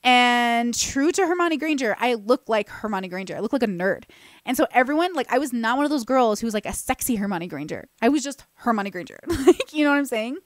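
A woman's voice: on the high side, lively intonation, brisk, no echo. Chatty young woman, close dry studio mic. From California. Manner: chatty, self-deprecating, many restarts and fillers. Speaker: podcast host. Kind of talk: casual storytelling monologue. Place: bright room with plants. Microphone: boom-mounted studio mic close to mouth.

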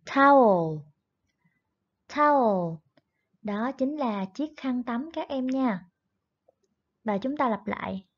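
Woman teacher, patient online lesson, repeats each word twice, slow, dull lo-fi recording. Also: on the high side, lively intonation. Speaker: primary school English teacher. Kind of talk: online lesson, explaining and drilling words.

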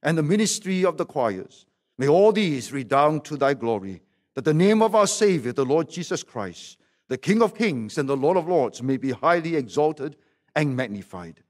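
A man leading a solemn formal prayer at a pulpit microphone, in a measured voice with old-style wording. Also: fairly high pitch, sing-song, darkish tone. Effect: speaking at a pulpit microphone.

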